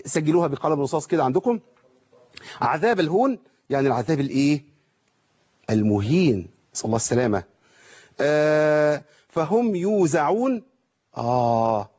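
Egyptian male recitation teacher, husky voice, quick speech, asks questions, slows down to model words. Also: mid-range voice, animated, darkish tone, dull audio. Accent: Egyptian Arabic. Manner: asks rhetorical questions, demonstrates pronunciation slowly. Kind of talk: televised lesson.

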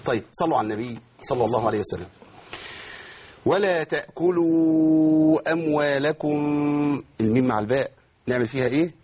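Fast, husky Egyptian man teaching recitation. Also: mid-range voice, darkish tone. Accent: Egyptian Arabic. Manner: quizzes students by name, demonstrates verses slowly. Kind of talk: tajweed lesson with students.

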